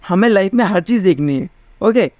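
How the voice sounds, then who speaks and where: A man's voice: sits high, expressive, normal speed, warm tone, dry recording. A young man teaching a physics class in a casual, chatty way, often asking his students questions. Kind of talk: casual Hindi class lecture.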